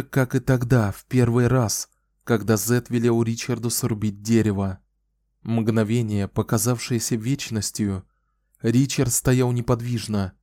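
A man reading an audiobook as narrator, with measured storytelling. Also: medium pitch, mellow, no room sound, studio quality. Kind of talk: scripted narration.

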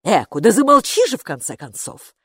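A woman's voice: mid-range voice, very animated, a little fast, breathy edge, no room sound, studio quality, voice pushed up. A woman reading an audiobook, voicing a nosy middle-aged neighbor in a firm, fussing tone. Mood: scolding.

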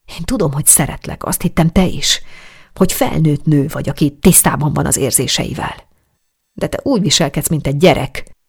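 A reader voicing a jilted man in love who speaks with irritation and reproach, in a gravelly, husky tone. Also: mid-range voice. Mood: reproachful. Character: angry, jilted man lover. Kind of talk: audiobook dialogue.

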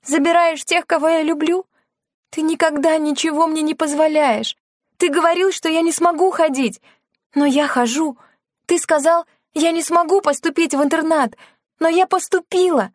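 A woman reading a novel aloud, voicing a distraught teenage girl who pleads and shouts. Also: extremely high pitch, lively intonation, takes it slowly, no room sound, studio quality, voice pushed up, exaggerated voice. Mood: bitter. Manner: pleading, shouting through tears. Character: upset teenage girl, desperate and defiant.

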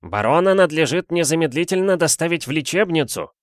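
A man voicing a gruff, unflappable male stoker who grumbles short, curt lines. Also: medium pitch, moderate pace, no echo, studio quality, lightly acted.

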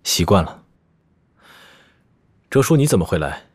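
An actor playing a calm, dry young swordsman in an audio drama, speaking politely and matter-of-factly. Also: low-pitched, unhurried, breathy edge, no room sound, heavily acted. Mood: calm, curious. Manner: restrained, matter-of-fact, polite. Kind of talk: audio drama character acting.

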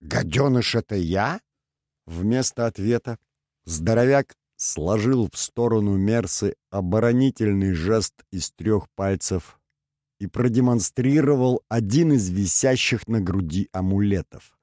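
A man narrating an audiobook with measured, even storytelling. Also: lowish voice, dry recording, studio quality. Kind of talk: scripted narration.

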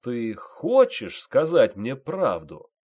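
A man's voice: mid-range voice, wildly swooping pitch, exaggerated voice. A man doing a barking army sergeant. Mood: coaxing. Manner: barking orders, loud and slow. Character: stern male army sergeant, harsh and commanding.

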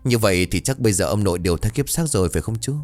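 A man's voice: on the low side, expressive, very fast, a little mellow, faint music behind, close to an everyday voice. A man voicing a curious young adult nephew who asks questions in an earnest, pleading way.

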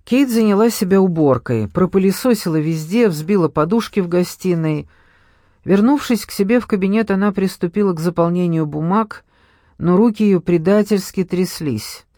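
A man's voice: sits high, moderate pace, mellow, no room sound. Man narrating a novel, dry close voice. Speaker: audiobook narrator. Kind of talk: scripted narration.

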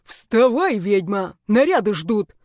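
A woman voicing a pushy, fashion-obsessed male snake creature who bosses and teases loudly. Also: fairly high pitch, animated, normal speed, no room sound, clean studio sound, natural voice. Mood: shouting. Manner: bossy, shouting, teasing.

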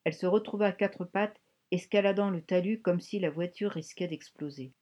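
A woman reading a novel aloud in measured, vivid scripted narration. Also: fairly low pitch, dull audio. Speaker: audiobook narrator.

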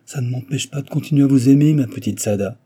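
Guy reading as a glum lovesick breton valet, plaintive, husky and dark. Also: medium pitch, fast talker, voice pushed up, natural voice. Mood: lamenting.

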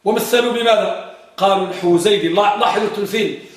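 A man teaches grammar to a class. He quizzes his students and drawls out examples and lines of verse in a slow chant. He sounds set back from the mic in a strongly echoing classroom. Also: high voice. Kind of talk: classroom lesson with questions to students. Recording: echoey classroom from far off.

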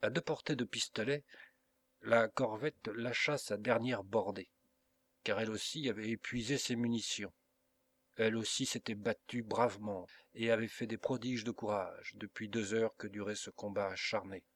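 A man narrating a classic adventure novel as an audiobook reader, in an expressive, dramatic storytelling manner. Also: fairly low pitch, normal speed.

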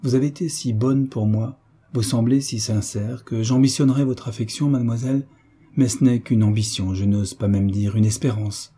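A man's voice: medium pitch, moderate pace, warm tone, husky, lightly acted. A man reading an audiobook voices a timid young orphan heiress, hesitant and earnest, in a raised voice.

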